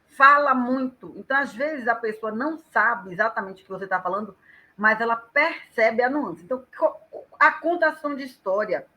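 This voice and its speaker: Brazilian woman educator, higher and bright in tone, animated talker. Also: normal speed, rough recording. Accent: Brazilian Portuguese. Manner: animated, acts out quoted speech vividly. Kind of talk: explanatory conversation on a live stream.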